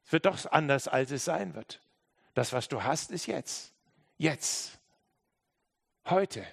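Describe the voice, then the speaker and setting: Pastor preaching with shifting intensity. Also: male voice, a little high, slow, vocal fry, slightly rough. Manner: lively preaching, mimics excuses, drops to soft intimate tones. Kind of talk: sermon.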